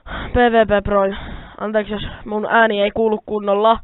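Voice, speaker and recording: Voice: medium pitch, completely flat delivery, smooth, dry recording. A young-sounding gamer chatters through a let's play, cursing and grumbling as things go wrong. The sound is thin and phone-like, from a mic held close, completely dry with keyboard clicks in the background. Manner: swears a lot, grumbles at the game; rambling, self-talking, addresses viewers. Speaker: Minecraft let's player. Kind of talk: casual gameplay commentary. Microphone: quiet mic held close.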